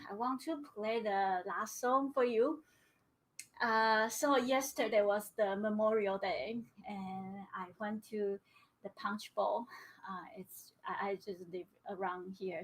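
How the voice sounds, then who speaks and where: A woman's voice: mid-range voice, rough recording. A woman in her thirties from Taiwan with a Taiwanese Mandarin accent, a musician giving a casual online lecture, hesitant with many fillers and restarts, on a webcam in a small home music room. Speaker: erhu player giving a lecture recital. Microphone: webcam at a distance.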